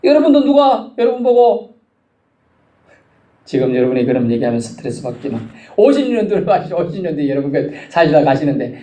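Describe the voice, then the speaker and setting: A male pastor preaching a sermon, animated, his voice climbing high when he stirs the congregation. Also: quick pace, few pauses. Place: church sanctuary. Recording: echoey church sanctuary.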